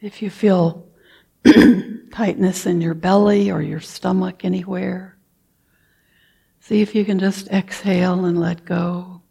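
A woman guides a meditation in a slow, unhurried, soft-spoken way, often clearing her throat. Her voice is low, dark and gravelly, with a husky edge. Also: steady tone. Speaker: meditation teacher.

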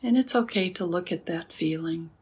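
Woman meditation teacher, kinda low husky voice, calm and gentle, takes her time. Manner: calm, unhurried, gentle pauses. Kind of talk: guided meditation talk.

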